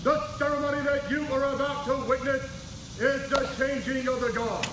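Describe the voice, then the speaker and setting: Male ceremony announcer over a public address, formal and measured, very high voice, echoey outdoors with noise behind. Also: fairly even intonation. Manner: measured, formal military delivery. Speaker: ceremony announcer, sergeant of the guard. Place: outdoor military cemetery ceremony.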